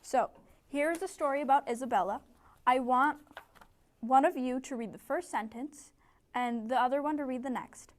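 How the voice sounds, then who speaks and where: A young woman teaching English as a second language speaks in a high voice at a moderate pace, offering a small group clear and encouraging instructions. She is in a classroom, picked up by a distant camera.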